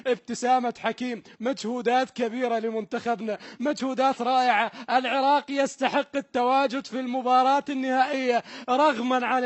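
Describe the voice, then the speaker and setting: A man's voice: very high-pitched, no echo. A man doing emotional live football commentary from a commentary booth, pleading and praying aloud, repeating players' names, overwrought and tearful.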